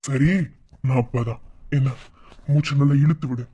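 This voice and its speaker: A man's voice: medium pitch, fairly even intonation, normal speed, heavy background noise, natural voice. A man voicing a young son-in-law in a cartoon, soothing and reassuring but firm when he has to be. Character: young son-in-law, calm and protective, stern when needed. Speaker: son-in-law comforting the family.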